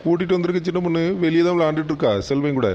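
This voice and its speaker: A man's voice: fairly high pitch, fairly even intonation, rapid-fire, a little mellow, lo-fi sound, a little hiss or hum, lightly acted. A man playing a pleading son-in-law in a cartoon, coaxing. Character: pleading son-in-law, eager to bring wife home.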